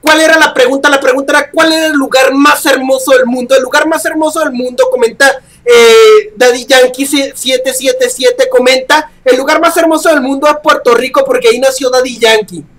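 A man's voice: extremely high pitch, fairly even intonation, a little fast, hardly any pauses, fairly bright tone. A young man with a Mexican accent giving horror gameplay commentary, shrieking in panic and swearing constantly. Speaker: gaming youtuber.

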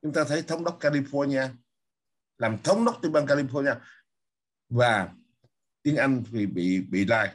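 A man's voice: medium pitch, a little slow, long pauses. A man hosting a casual political talk, emphatic and asking himself questions he then answers. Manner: emphatic, asks and answers his own questions.

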